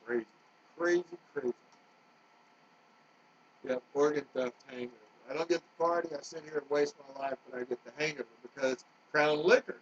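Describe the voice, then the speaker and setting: A middle-aged man delivers a rambling, agitated monologue, leaping between topics and veering from loud outbursts to low mutters. His voice sits on the high side for a man. The recording is dull and lo-fi, with a faint hiss beneath it. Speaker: vlogger.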